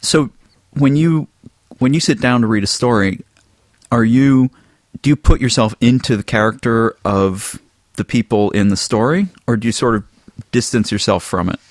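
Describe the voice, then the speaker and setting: A man's voice: medium pitch, normal speed, no room sound, studio quality. A man hosting a casual podcast interview, asking questions in an easygoing way with plenty of filler words. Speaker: podcast host.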